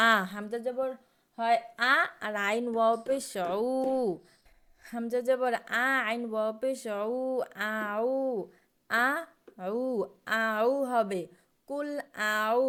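A woman whose first language is Bengali leads a recitation lesson, her voice smooth and resonant and set a little high. She draws each recited phrase out slowly, then drops into brisk explanatory asides about letters and vowel marks. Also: fairly bright tone. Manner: slow drawn-out recitation mixed with quick spoken explanations. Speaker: Quran recitation teacher.

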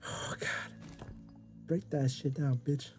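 A young man commentating on a horror game with jumpy, profane reactions and loud outbursts. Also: medium pitch, fairly even intonation, takes it slowly, faint music behind. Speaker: gaming YouTuber.

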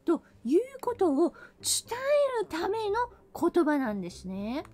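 A woman from the American South giving a casual live-streamed English lesson, playful and breaking into mock-angry rough slang. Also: sits high, sing-song, unhurried, darkish tone.

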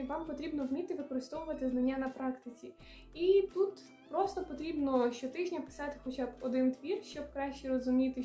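A woman's voice: high voice, darkish tone, roomy sound. A young woman from Ukraine, a student vlogger giving earnest, direct study advice. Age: young adult. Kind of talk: advice vlog.

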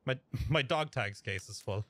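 A young Irish man streaming a shooter game with a friend, excitable, swearing and laughing at himself. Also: medium pitch, measured pace, husky, dry recording. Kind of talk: gameplay commentary with a friend.

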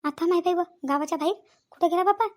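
A woman performs a cartoon village bride in a very high, thin voice well above everyday pitch, speaking very fast. The worried, tearful young daughter-in-law is frantic and guilty. She pleads and wails repetitively.

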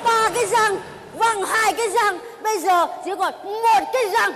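A woman playing a silly young boy with missing teeth, shouting in a shrill, babbling childish way. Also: normal speed, a crowd in the background. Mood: whiny. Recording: live stage, hall reverb, audience noise.

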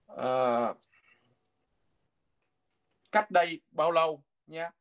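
A man teaching a language lesson from a textbook, patiently repeating words slowly so learners can follow. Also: a little high, clear, resonant tone.

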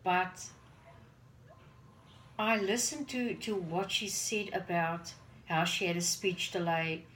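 Low-pitched and a bit bright, her voice moves slowly as she does chores in her home kitchen, talking earnestly to a phone camera on the counter. She's an Afrikaans-native parent vlogger in her forties who often repeats words while searching for them. The rough recording has a little hiss or hum.

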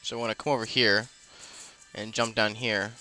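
A man with a bright, crisp, smooth voice talks over his own gameplay in a loose, unscripted way. He rambles, trails off into fillers and corrects himself mid-sentence. Faint game music plays underneath. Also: on the low side, level tone, moderate pace. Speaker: let's play host. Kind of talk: casual gameplay commentary.

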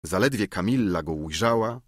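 A male audiobook narrator reading a classic novel in measured, expressive storytelling, recorded in a studio. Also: sits low, breathy edge, no echo.

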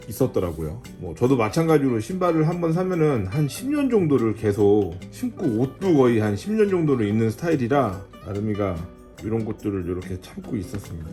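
Medium in pitch and a little mellow, this man's voice carries casual vlog narration and chatter as he films his wife. The clip mixes voice-over with footage from an outlet shoe store, and background music and crowd noise from shoppers can be heard.

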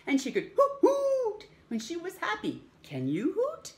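In a very high voice with wildly swooping pitch, a middle-aged woman reads a picture book aloud to young children at a slightly slow pace. This storytime host, in a small room at home, theatrically lengthens words and quizzes her listeners.

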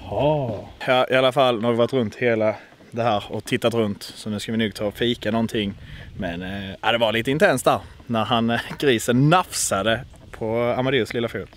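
A man's voice: medium pitch, a little hiss or hum. A man in his twenties, a YouTuber joking and laughing as he vlogs outdoors at a farm with animals. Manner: joking, playful, laughs often. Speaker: YouTuber filming with his nephew. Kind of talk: casual vlog chat.

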